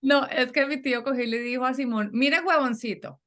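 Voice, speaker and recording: Woman, middle-aged, lively storyteller, fairly high voice. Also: quick pace. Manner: animated, acts out quoted voices. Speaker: guest. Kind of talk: conversational storytelling.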